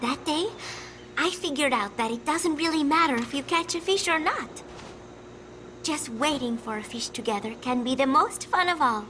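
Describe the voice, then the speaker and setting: A woman voicing a frail, gentle teenage girl who sounds tired and wistful in a video game cutscene. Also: high-pitched, animated, moderate pace, a little hiss or hum, rough recording. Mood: fond. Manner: soft, wistful, drifting.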